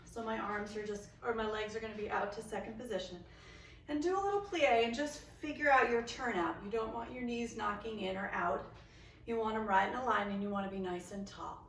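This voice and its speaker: A woman's voice: mid-range voice, a little fast, distant mic, a little hiss or hum. Woman, fitness instructor cueing a home barre workout, encouraging; roomy sound, mic set back. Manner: encouraging, counts reps aloud.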